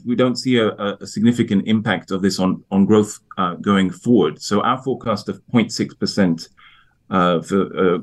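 A man answering broadcast interview questions on economics as an expert guest, in a halting, hesitant manner with repeated words. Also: low voice. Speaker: economist guest, IMF research division head.

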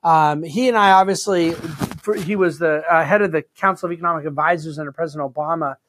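A man hosting an unscripted financial commentary, conversational, with deliberately stressed phrases. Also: a little high, a bit bright, a little hiss or hum. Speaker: host and market commentator.

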